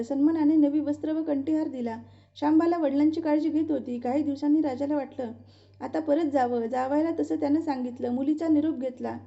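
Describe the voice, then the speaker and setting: A woman storyteller narrating a devotional folk tale in a steady, rhythmic way. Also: high-pitched. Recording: dull lo-fi recording.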